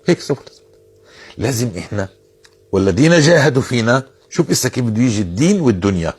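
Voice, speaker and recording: A man speaking, delivering informal religious counsel in a quick, rushing flow. His voice sits fairly low and carries a husky, slightly rough edge. He talks earnestly and insistently, circling back over the same phrases for emphasis. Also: big pitch swings, warm tone, faint music behind. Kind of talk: informal religious advice talk.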